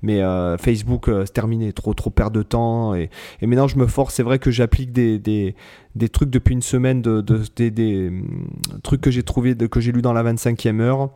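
Mellow-voiced man, hesitant podcast host. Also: medium pitch, fairly even intonation, normal speed. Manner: hesitant, rambling, repeats words. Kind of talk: casual podcast chat.

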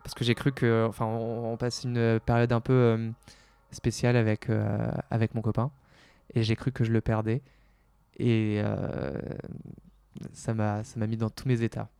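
A man answering interview questions in an earnest, halting way. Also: on the low side, flat delivery, creaky, mellow, clear, resonant tone, no echo.

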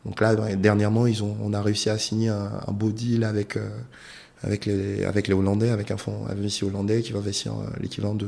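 A man talks through his businesses in an interview, pausing and restarting as he explains. His voice sits low and has a gravelly edge. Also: a little mellow. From Côte d'Ivoire. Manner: measured, explanatory, many hesitations. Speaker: entrepreneur guest. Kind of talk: casual interview talk.

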